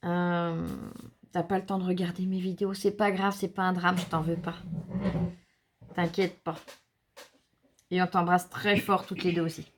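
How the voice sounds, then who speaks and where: A woman's voice: fairly low pitch, little pitch movement, moderate pace, pauses often. Casting: chatty woman host, reassuring and friendly, with faint hiss behind her. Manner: chatty, reassuring, reads viewer notes aloud. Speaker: craft channel host. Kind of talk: casual chat.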